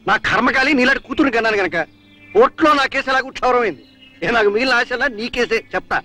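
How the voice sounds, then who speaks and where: A man's voice: extremely high pitch, quick pace, sharp tone. A man playing a scheming, boastful middle-aged father in a comic old film drama, talking theatrically and wheedling. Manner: theatrical, wheedling, repeats a pet word. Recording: old film soundtrack with music.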